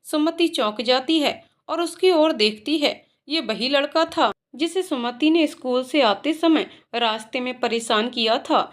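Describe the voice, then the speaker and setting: Woman reading a village story aloud, high voice, steady. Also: a little slow, few pauses. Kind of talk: scripted story narration.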